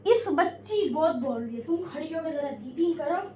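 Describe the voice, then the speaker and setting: A woman with a very high voice teaches a classroom lesson, strict and scolding in between, drawing out each verse line slowly as she reads. She sounds far from the mic in an echoey room, with a faint hum of ambience behind her. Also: lively intonation, a little mellow. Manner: slow drawn-out verse reading. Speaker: Urdu teacher.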